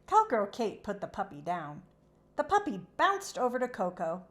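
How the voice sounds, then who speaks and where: A woman reads a children's storybook aloud, narrating expressively at medium pitch and normal speed.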